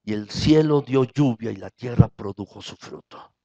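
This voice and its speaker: Mexican pastor preaching, muffled recording. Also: male voice, mid-range voice, moderate pace, gravelly, warm tone. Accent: Mexican Spanish. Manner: preaching with rising emphasis. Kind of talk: sermon.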